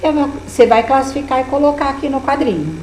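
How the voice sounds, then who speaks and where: A woman's voice: sits high, animated, fast, darkish tone. A woman teaching schoolchildren in Brazilian Portuguese, patiently explaining workbook tasks with lots of diminutives. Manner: patient, encouraging, with many diminutives. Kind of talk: remote lesson walking through a workbook. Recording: echoey room with faint hum.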